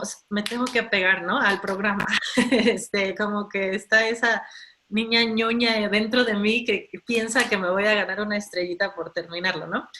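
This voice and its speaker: Woman guest, chatty, even middle pitch, lots of fillers. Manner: chatty, frequent fillers and laughs. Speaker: interview guest. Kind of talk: casual faith conversation.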